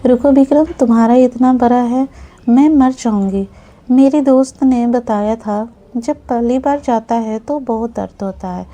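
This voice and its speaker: A woman voicing a timid young newlywed bride who is fearful and pleads softly, in a spoken storybook. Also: a little high, a little slow.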